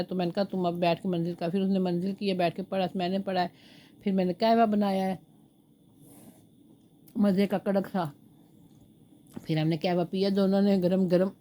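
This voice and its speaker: A woman's voice: mid-range voice, warm tone, a little hiss or hum. An older woman with a sore throat chats and rambles through stories at home while sitting with her grandchild. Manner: chatty, rambling storytelling, baby talk to the grandchild. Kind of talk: casual home vlog chat. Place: at home, indoors, sitting with a baby.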